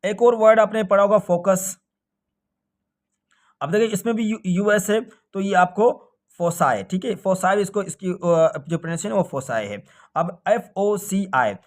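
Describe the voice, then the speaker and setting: A man teaching a recorded grammar lesson for an exam, asking questions and answering them himself. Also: high-pitched. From Pakistan. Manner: often ends points with a check-in "okay".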